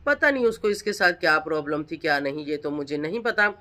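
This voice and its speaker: A middle-aged woman talks straight to her viewers in a reaction vlog. Her voice is bright and sharp-edged. She presses her points hard and fires off pointed questions. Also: low-pitched, lively intonation, fairly quick. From Pakistan. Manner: emphatic, accusing, rhetorical questions. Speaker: vlogger.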